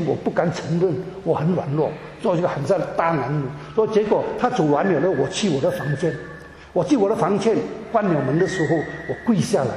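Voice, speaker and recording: A man tells his personal testimony to a congregation in a high voice, tripping over repeated words and slipping English terms into his speech. He is recorded in a large hall that gives every phrase a long, roomy reverb. A faint room hum sits underneath. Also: a little mellow. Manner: stammering repetitions, drops in English words. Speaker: church member giving a testimony.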